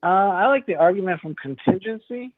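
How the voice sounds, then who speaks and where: A man's voice: high voice, lively intonation, fairly quick, dry recording. A man calling in on speakerphone, searching for his words as he talks. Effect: on speakerphone over a phone line. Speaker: caller. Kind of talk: call-in debate. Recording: tinny, distant speakerphone call.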